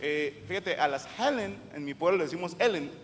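Mexican comic with a high voice, teasing and crude, working the crowd in a reverberant live venue with audience noise. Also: male voice, fast talker. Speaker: comedian interviewing audience members. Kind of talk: crowd-work comedy interview.

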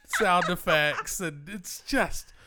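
A man's voice: sits high, big pitch swings, slow, pushed and bright, slight background noise. A man co-hosting a podcast, recapping a film's plot in a casual chat with wry, dry humor. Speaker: podcast co-host. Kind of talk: casual film discussion.

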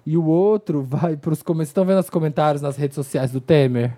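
Mellow-voiced in casual chat. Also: medium pitch, brisk. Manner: chatty, laughs often.

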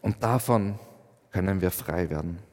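A man preaching a sermon in a chatty, conversational way, often checking in with "ja?" and filling pauses with "ähm". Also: deep voice, darkish tone, long reverb tail. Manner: conversational, with frequent "ja?" and "ähm" asides. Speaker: pastor.

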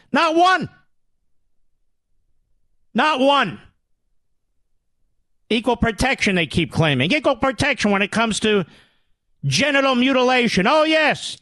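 A man's voice: very high-pitched, bright, forceful tone, no echo. A man hosting a talk radio show, delivering an indignant, sarcastic political rant into a studio microphone.

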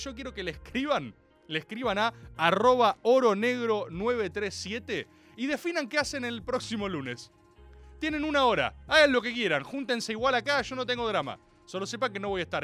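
A male radio host with a Rioplatense accent, delivering a theatrical and sarcastic monologue. His voice sits high and bright and swings widely in pitch. Faint music plays behind him. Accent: Rioplatense Spanish. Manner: theatrical mock-indignant ranting, sarcastic. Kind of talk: radio talk show monologue.

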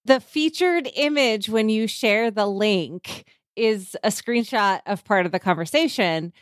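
A woman's voice: mid-range voice, measured pace, dry recording, clean studio sound. A woman co-hosting a casual tech podcast, giving a dramatic reading of a chatbot conversation. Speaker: co-host.

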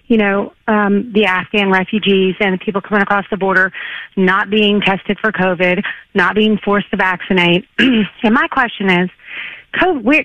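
A woman's voice: medium pitch, no room sound. Lady caller on the phone, worried questions one after another, muffled dull line, dry sound. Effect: heard over a phone line. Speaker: radio call-in caller. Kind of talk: casual call-in chat.

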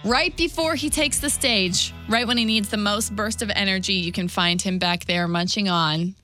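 A woman co-hosting a radio show, bantering casually in a playful, expressive way on a studio microphone. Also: medium pitch, moderate pace, soft background music. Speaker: radio co-host.

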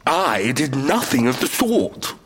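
A haughty ghost of a dinner-theater professor, with a put-on British accent. He speaks slowly in a husky voice that swings widely in pitch. His manner is theatrical and condescending. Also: big pitch swings, a bit bright, in a large hall, exaggerated voice. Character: pompous male murder-mystery actor playing a professor, ghost. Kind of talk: audio drama acting.

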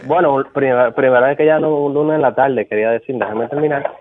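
A man's voice: medium pitch, fairly even intonation, fast talker, crowd noise. A man calling a radio show, chatting casually and familiarly in slang, with hesitant starts. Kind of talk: casual call-in chat. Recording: muffled lo-fi telephone call.

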